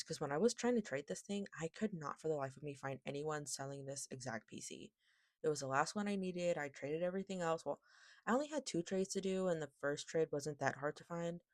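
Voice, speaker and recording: A woman's voice: deep voice, darkish tone, no echo, clean studio sound. A woman with a lisp that makes her s slushy, chatting casually and rambling, often interrupting herself. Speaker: vlogger, K-pop collector. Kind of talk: casual rambling haul chat.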